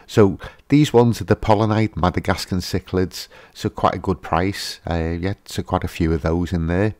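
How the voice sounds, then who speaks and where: A man's voice: deep voice, steady tone, normal speed, a little mellow, dry recording. A man hosting a fishkeeping channel, giving a casual, hesitant voice-over with lots of fillers and restarts.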